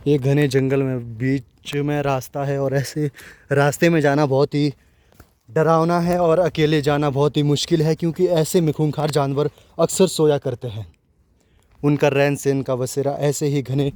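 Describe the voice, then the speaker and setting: A man narrating a walking vlog outdoors in a dense forest, chatting loudly to the camera as he goes. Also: a little high. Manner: chatty, talks loudly to warn animals. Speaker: nature vlogger.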